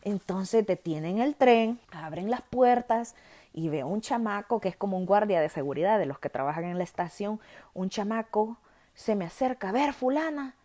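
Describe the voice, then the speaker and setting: Salvadoran woman host, lively storyteller, warm low-key timbre. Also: moderate pace. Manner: animated, lively retelling with self-corrections. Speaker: podcast host. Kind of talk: personal storytelling.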